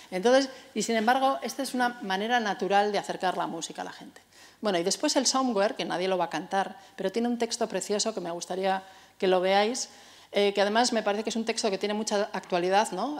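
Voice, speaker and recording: A woman with a Spanish accent from Spain giving a public music talk, explaining things to the audience and checking in often with "eh?" and "no?". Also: mid-range voice. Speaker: music lecturer. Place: cultural center hall.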